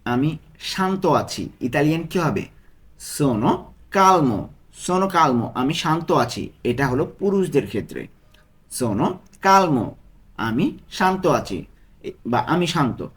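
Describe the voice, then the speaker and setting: A man with a Bangladeshi Bengali accent teaching Italian phrases, repeating each one slowly and asking and answering his own questions. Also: on the high side, big pitch swings, a bit bright. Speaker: language tutor. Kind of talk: Italian lesson taught in Bengali.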